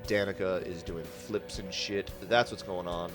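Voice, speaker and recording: A man recapping a tabletop game as a player, joking and filling pauses with "uh.". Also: deep voice, fairly even intonation, music in the background. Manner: lots of "uh" fillers, joking. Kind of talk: casual recap.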